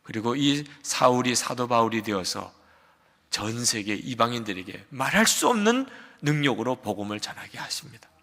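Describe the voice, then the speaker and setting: An older man preaching a sermon as pastor, moving between loud emphatic peaks and quiet low asides. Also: expressive, normal speed. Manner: acts out a shouting quarrel in quotes. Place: large church sanctuary. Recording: long hall reverb of a church sanctuary.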